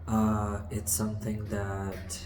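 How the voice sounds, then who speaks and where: Echoey stairwell, man in his twenties, lowish pitch, hesitant and halting, casual confessional vlog. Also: monotone, music in the background. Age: 20s. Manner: hesitant, halting, with trailing pauses. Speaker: vlogger. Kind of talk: casual personal confessional to camera. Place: stairwell of an apartment building. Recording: echoey stairwell with background noise. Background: faint ambient building noise.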